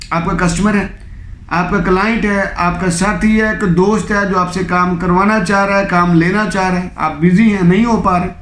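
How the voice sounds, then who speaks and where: Guy with a high voice explaining a self-help book, keeps asking "right?", echoey room. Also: fairly bright tone. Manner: explains in plain terms and keeps checking in with the listener. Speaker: book summary presenter. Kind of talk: informal lecture summarizing a self-help book.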